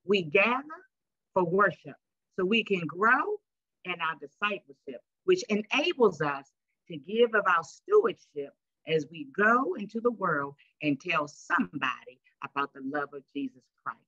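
Bright-voiced woman a sermon. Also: fairly low pitch, sing-song, measured pace, dry recording, muffled recording. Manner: call-and-response preaching, stretches words for emphasis. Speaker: pastor. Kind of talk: sermon with scripture reading. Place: church sanctuary.

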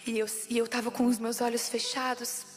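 A woman's voice: fairly high pitch, level tone, brisk. A Brazilian woman giving an emotional sermon testimony, repeating phrases for emphasis. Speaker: preacher. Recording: long reverb with faint background music.

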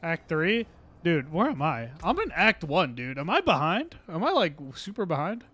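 A man's voice: fairly high pitch, wildly swooping pitch, moderate pace, a bit bright, a little hiss or hum. A young man livestreaming a video game, chatting casually and joking as he reacts to the game. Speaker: livestream gamer.

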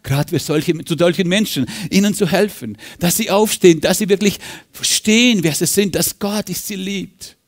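A male pastor preaches a sermon to his congregation in a church service. His voice sits fairly high for a man. He swings between loud, emphatic rises and quiet, hushed passages. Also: moderate pace. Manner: fervent, with sudden loud rises and hushed drops.

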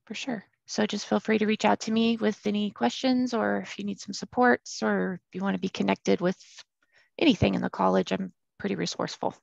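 Woman coach, informal and halting, strongly gravelly fry, dry close sound on a video call. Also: mid-range voice, fairly even intonation, dry recording. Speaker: college success coach. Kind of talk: informal self-introduction. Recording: slightly dull video-call audio.

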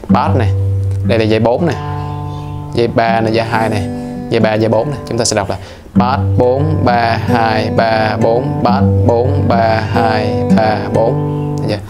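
A man chatty guitar teacher. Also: mid-range voice. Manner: chatty and playful, counts beats aloud. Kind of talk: casual instructional talk. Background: guitar playing.

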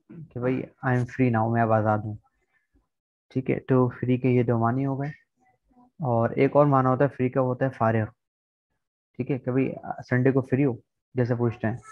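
A male teacher gives a patient, word-by-word vocabulary lesson over a video call, keeping his tone level with very little rise and fall. The sound is dry with no room echo, and the online recording is slightly dull and lo-fi. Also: mid-range voice. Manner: explains word by word, often checking with "theek hai". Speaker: English teacher.

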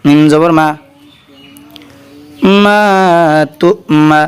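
A man's voice: on the high side, very slow, smooth, faint music behind. A Bangladeshi man with a Bengali accent teaching Quran reading, spelling out syllables one by one and then chanting them together. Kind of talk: letter-by-letter Quran spelling lesson.

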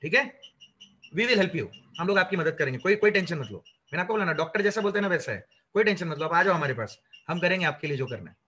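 Bright high-voiced man lecturing students. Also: fast, a little hiss or hum. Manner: lively, rhetorical questions, mixes English into Hindi. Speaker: career trainer.

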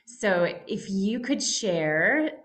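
A woman hosting a podcast interview, upbeat and quick with short affirmations. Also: medium pitch, expressive, fairly bright tone. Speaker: podcast host. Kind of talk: casual interview chat.

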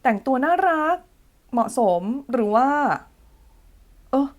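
Slow giggly woman teacher. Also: high-pitched, expressive. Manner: giggly, playfully flustered, slow and explanatory. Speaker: English teacher. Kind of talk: casual song translation lesson.

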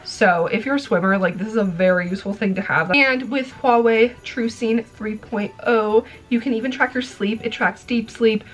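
A woman's voice: on the high side, normal speed, hardly any pauses. A woman vlogger chatting casually and upbeat in her mom's craft room, full of "like" fillers and laughs. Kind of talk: casual vlog chat with a sponsored product segment.

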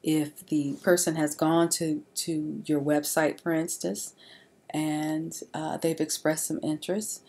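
Female presenter, low register, loose unscripted voice-over for a slide deck. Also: flat delivery, takes it slowly, warm tone. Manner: informal, with frequent fillers and restarts.

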